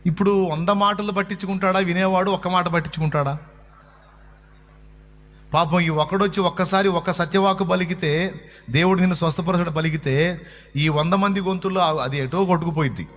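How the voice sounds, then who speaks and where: A man's voice: high voice, fairly even intonation, normal speed, long pauses, a bit bright. A man preaching a colloquial sermon, talking conversationally and putting questions to his listeners.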